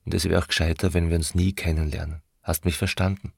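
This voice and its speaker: A man voicing a cabaret compère with a knife who threatens calmly and quietly. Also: deep voice, quick pace, gravelly, breathy edge, no echo, exaggerated voice. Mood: menacing. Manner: quiet, soft-spoken threat.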